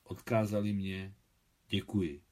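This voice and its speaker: A man's voice: deep voice, steady tone, warm tone, natural voice. A man reading as a weary old man with a hidden past. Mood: weary confessional. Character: aging man living under a false name, weary and humble. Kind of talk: reading a novel aloud.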